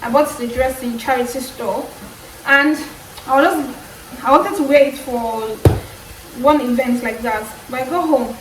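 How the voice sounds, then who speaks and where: A woman's voice: sits high, fairly even intonation, a little slow, reverberant, far from the mic, background noise. A woman from Nigeria with a Nigerian accent, telling chatty stories in a casual vlog. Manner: chatty, laughing storyteller. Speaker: vlogger. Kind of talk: casual chat.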